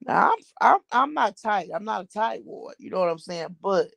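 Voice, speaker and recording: A medium-pitched, gravelly woman's voice with a fairly bright tone speaks animatedly at normal speed in a dry recording. She's an American vlogger giving casual, blunt, slangy gossip about social media personalities, with lots of swearing and repeated phrases for emphasis.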